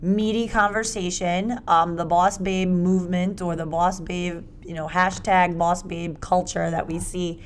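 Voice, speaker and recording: Animated woman in her forties. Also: on the low side, measured pace, few pauses, a little hiss or hum. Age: 40s. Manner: expansive, animated when making points, some searching for words. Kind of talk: casual podcast conversation.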